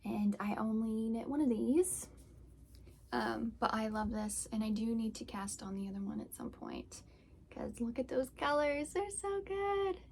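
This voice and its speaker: A woman's voice: on the high side, animated, measured pace, vocal fry, a little mellow, a little hiss or hum. A young woman hosting a casual crafting podcast, chatting in a rambling way with lots of fillers as she shows her work. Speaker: podcast host and yarn dyer. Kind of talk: casual chat.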